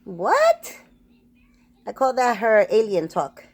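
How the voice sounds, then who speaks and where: A woman's voice: a little high, lively intonation, a little slow, darkish tone. A woman casually talking to her pet parrot, coaxing it in a sing-song voice and dropping in Spanish pet words. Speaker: pet bird owner.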